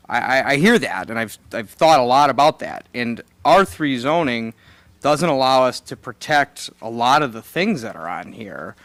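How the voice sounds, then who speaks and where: A man on a town board speaking in a measured, thoughtful way at a public meeting, with some hesitations. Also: medium pitch, fairly bright tone, dry recording. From local area.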